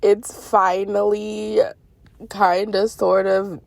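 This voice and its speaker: Talking from her parked car, a middle-aged spiritual vlogger drifts through a casual monologue about her dreams, full of fillers and self-corrections. Her congested, mid-range voice holds a level tone, with drawn-out words and vocal fry. No room sound can be heard.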